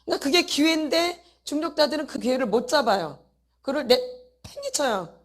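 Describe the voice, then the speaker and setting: Woman, high voice, church teaching talk, rhetorical questions, repeated words for emphasis. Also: expressive, brisk. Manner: asks the audience many rhetorical questions; acts out inner thoughts in a casual voice.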